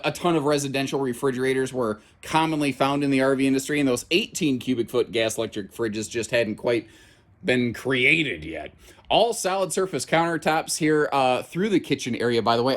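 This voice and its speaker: A man giving a casual, chatty walkthrough inside a trailer as an RV dealer, folksy with lots of fillers, recorded on a handheld camera mic. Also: medium pitch.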